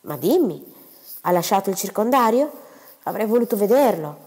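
A woman's voice: medium pitch, sing-song, moderate pace, darkish tone, slightly rough. Grave country doctor, abrupt and probing; a woman reader plays him, reverberant hall. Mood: surprised. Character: stern middle-aged male country doctor.

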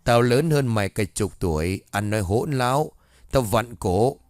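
A dead soldier's ghost talks through a possessed girl, rough when it threatens and humble when it begs, as a man reads it in his own voice. The delivery sits at a middle pitch with a close, dry sound. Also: animated, normal speed, a little mellow, dry recording, close to an everyday voice. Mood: threatening. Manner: rough threats turning to begging.

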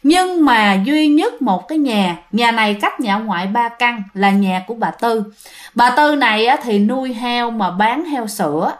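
A woman tells a ghost story in a high voice. She talks in a chatty way and often addresses her listeners directly. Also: animated, unhurried.

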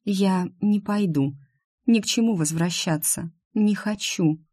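A woman voicing the detached ghost of a young woman, speaking softly and slowly in an indifferent tone. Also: mid-range voice, no echo, clean studio sound. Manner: soft, slow, indifferent.

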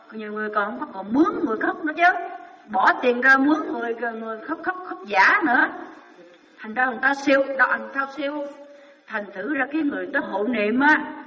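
A man delivers a Buddhist sermon, asking questions aloud and answering them himself with emphasis. He sounds distant from the microphone, with his voice trailing into a long hall echo. The recording is dull and muffled. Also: extremely high pitch. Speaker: Buddhist dharma teacher.

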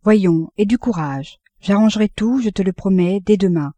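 A woman voicing a calm, sensible young man who gently reassures his frightened mother. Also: medium pitch, normal speed, dry recording, lightly acted. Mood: reassuring.

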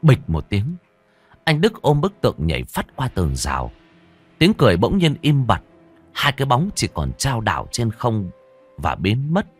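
A man's voice: mid-range voice, huge pitch swings, moderate pace, breathy edge, faint music behind. A man narrating a horror story in a dramatic, suspenseful scripted telling.

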